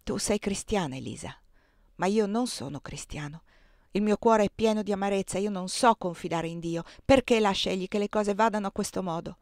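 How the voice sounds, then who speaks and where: A woman's voice: mid-range voice, fairly quick, a little mellow, dry recording, close to an everyday voice. A woman reading the part of an enslaved young husband who speaks grimly and bitterly about his master, in a dry, close audiobook recording. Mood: bitter, indignant.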